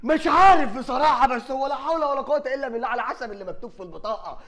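A man with an Egyptian accent giving loud, sarcastic comedy commentary on clips, often laughing as he talks. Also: very high voice, rapid-fire, crowd noise. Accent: Egyptian Arabic.

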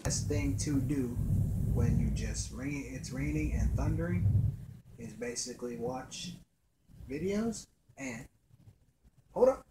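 A man's voice: medium pitch, lively intonation, slow pace, pauses often, very noisy. A man in his thirties chatting casually to the camera in a laid-back home vlog. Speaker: vlogger. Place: small room indoors at home. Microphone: laptop webcam close up.

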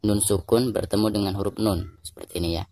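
Indonesian male recitation teacher, low dry voice, patient and repetitive, slows down for chanted examples. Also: steady tone, darkish tone, no room sound. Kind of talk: tajwid lesson with recited examples.

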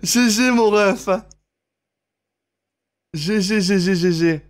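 Heard through a gaming headset, a young man streams live tournament commentary in a high-pitched voice at a slow pace. He's hyped and slangy, cheering and shouting whenever the big moments hit.

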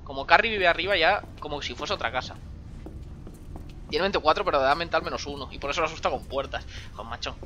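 A man's voice: a little high, fast, noisy background. A young man from Spain giving sarcastic running commentary on a horror game, breaking into sudden screams. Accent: Spain Spanish. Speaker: gaming streamer.

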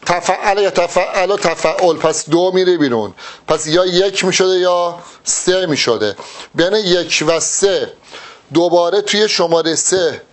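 A man teaching exam preparation, working through test answers in a lively, emphatic way and speaking straight to his students. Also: sits high. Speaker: exam-prep Arabic teacher. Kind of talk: test-solving lesson.

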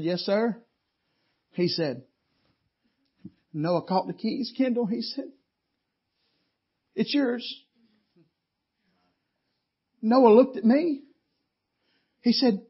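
A man's voice: high voice, breathy edge. A male preacher, telling a folksy story in a sermon. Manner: folksy, animated storytelling with laughs. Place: church meeting. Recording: dull lo-fi church audio.

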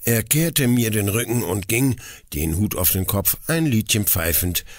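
A man reading a classic German novel in the first person, measured and somber. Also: lively intonation, no echo, studio quality. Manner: measured, somber, with sighing low drops. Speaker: audiobook reader. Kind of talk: first-person literary narration.

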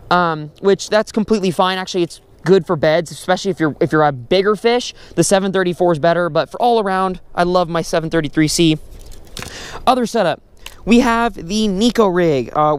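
A young man talking through his fishing gear and catches on a pond shore, chatty and excitable, recorded on a head-mounted camera. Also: high-pitched, brisk, smooth, no echo. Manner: excitable, chatty, with many fillers. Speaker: fishing vlogger. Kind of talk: casual outdoor fishing commentary. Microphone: head-mounted action camera.

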